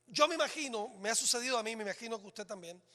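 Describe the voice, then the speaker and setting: A male pastor preaching a sermon in a church, dramatic, swinging between loud exclamations and hushed lines. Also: very high voice, expressive, rapid-fire. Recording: reverberant church hall.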